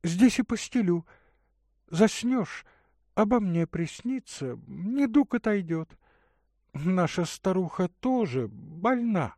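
The part is a gentle young woman looking after a sick man, performed by a man in a high, lively voice with a soft singsong lilt. The heavily acted, tender reading is unhurried, captured close with no echo.

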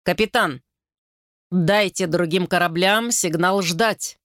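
A woman's voice: fairly low pitch, takes it slowly, a bit bright, dry recording, clean studio sound. A woman voicing a stern king in a storybook, giving curt, barked orders. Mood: stern command. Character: stern commanding middle-aged king.

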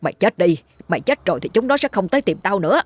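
A woman voicing a crazed, murderous old village man who shouts and rants. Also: medium pitch, sing-song, fast, breathy edge, dry recording. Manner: shouting, ranting.

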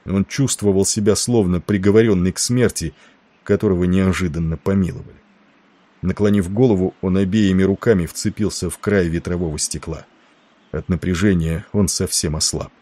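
A man narrating an audiobook in a steady, dramatic reading. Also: deep voice, normal speed.

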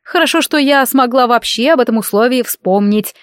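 A woman voicing a proud, sharp-tongued mother who is a powerful sorceress, speaking curtly and imperiously. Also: on the high side, normal speed, dry recording, studio quality, close to an everyday voice. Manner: curt and imperious.

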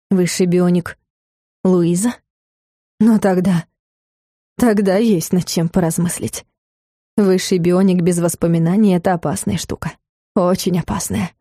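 Low-voiced woman narrating an audiobook. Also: warm tone, dry recording, clean studio sound.

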